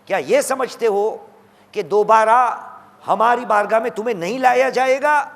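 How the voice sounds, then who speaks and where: Male preacher, high and gravelly, a sermon full of rhetorical questions and refrains, long hall reverb. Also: a bit bright. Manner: rhetorical questions and repeated refrains, rising sharply for emphasis; recites Quranic verses in Arabic between plain exhortation.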